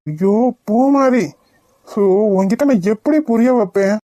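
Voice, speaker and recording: A woman's voice: fairly high pitch, a little slow, mellow, dry recording. A woman voicing a playful, blunt young village man in a cartoon, with a brusque, teasing delivery. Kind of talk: cartoon voice acting.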